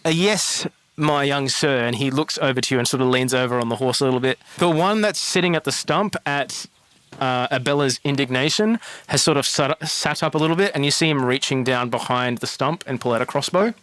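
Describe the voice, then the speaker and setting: A man narrating as game master in a tabletop game, describing scenes in a brisk, chatty way. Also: medium pitch, fairly bright tone.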